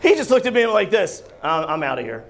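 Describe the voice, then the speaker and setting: A man from New Jersey with a New Jersey accent doing a brash, profane stand-up set, singing and shouting bits on a comedy club stage. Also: high voice, sing-song, brisk, heavy background noise. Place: comedy club stage before a laughing audience. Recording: live club crowd audible.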